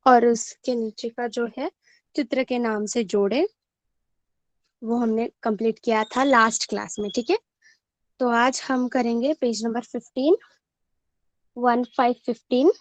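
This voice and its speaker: A woman teacher giving an online class, drilling syllables one by one in a slow, drawn-out way. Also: on the high side, no room sound.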